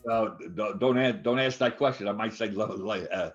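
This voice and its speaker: A man in his eighties, co-hosting a casual chat show, rambling with many halting restarts and fillers. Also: lowish voice, soft background music. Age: 80s. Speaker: podcast co-host. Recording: dull lo-fi sound.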